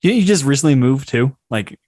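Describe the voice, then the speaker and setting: A man's voice: medium pitch, expressive, a little fast, darkish tone. A man hosting a podcast, talking casually in an informal, reflective way. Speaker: podcast host. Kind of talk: casual conversation.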